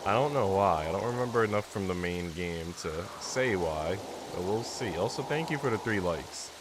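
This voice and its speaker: A deep, expressive male voice at a moderate pace, with background noise behind it. He's a congested, sick streamer playing a visual novel, mixing narration read aloud with informal, slangy asides that ramble.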